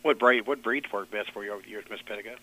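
A man's voice: fairly low pitch, brisk, bright, forceful tone, poor audio. A man, asking conversational questions as a radio interviewer.

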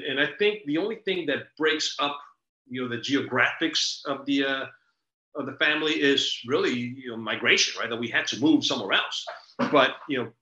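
A middle-aged man from El Salvador hosts a casual talk, bright and forceful in tone. He tells stories earnestly and at length. The recording is roomy and a bit dull and lo-fi. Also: medium pitch. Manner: earnest, expansive storytelling. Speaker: podcast host. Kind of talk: casual conversation.

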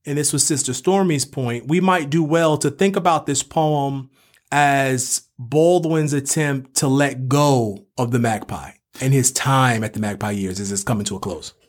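A professor co-hosting a show explains literature in a scholarly manner, often raising rhetorical questions. He has a medium-pitched voice and doesn't hurry.

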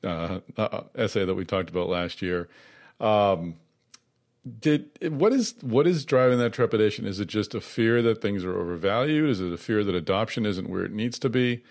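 A man's voice: on the low side, expressive, moderate pace, a little mellow. A man hosting a podcast, introducing a guest and asking questions in a conversational, filler-heavy way. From Boston area. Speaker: podcast host.

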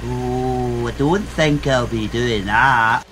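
An actor playing a naive, literal-minded and earnest toilet cleaner in an audio comedy. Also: male voice, medium pitch, slow pace, a bit bright, soft background music. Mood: excited, naive.

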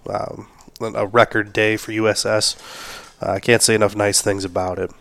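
Sick man with a smooth low voice. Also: no room sound, studio quality. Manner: casual, lots of fillers, shout-outs. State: sick, losing his voice, coughing. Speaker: podcast host. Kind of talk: solo podcast recap.

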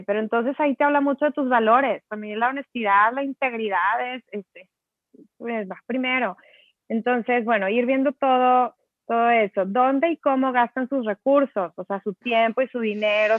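Co-hosting a relaxed chat, a Mexican Spanish-accented woman tells lively stories packed with filler words. She speaks at a normal speed with a fairly high pitch, over a dry, phone-like tinny recording.

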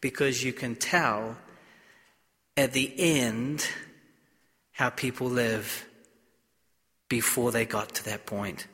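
A man speaking as a priest at a funeral, solemn and measured, in short deliberate phrases, with the cathedral-like echo of a large church. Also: medium pitch, pushed and bright. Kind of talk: solemn gospel reading and funeral homily.

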